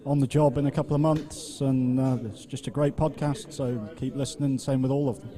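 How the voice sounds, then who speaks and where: A man's voice: medium pitch, level tone, brisk, warm tone. A young man from the UK, an audience member, giving brief and hesitant answers. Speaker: audience member, trainee air traffic controller.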